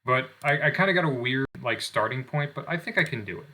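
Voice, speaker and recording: Fast and animated, a young man's mid-range voice comes across pushed and bright over slight background noise. He hosts a gaming channel, rambling through laid-back commentary with constant fillers, regular swearing, and self-deprecating jokes.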